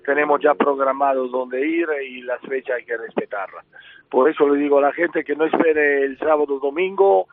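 A circus representative from Spain, speaking with an Italian accent, is interviewed on the radio to promote his circus, often repeating himself and restarting phrases. His voice is mid-range with fairly even intonation and a moderate pace. The tinny phone line carries slight background noise.

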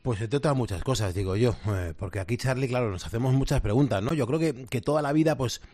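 A man's voice: mid-range voice, quick pace, warm tone, no room sound, faint music behind. A man, interviewing a guest in a conversational, reflective way. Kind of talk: interview questions.

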